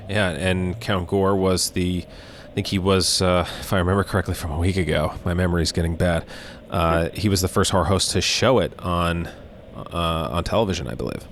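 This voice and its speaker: A man with a low voice hosts a horror-themed interview show in a casual, appreciative way. His phrasing is hesitant and drawn out. Some faint noise sits in the recording. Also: steady tone, normal speed.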